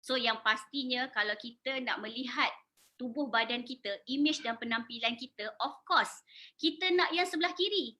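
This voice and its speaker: A woman in her forties with a Malaysian accent speaks in a fairly high, pushed, bright voice at a moderate pace. She owns a beauty salon and gives a persuasive sales presentation, questioning her audience and mixing in English words.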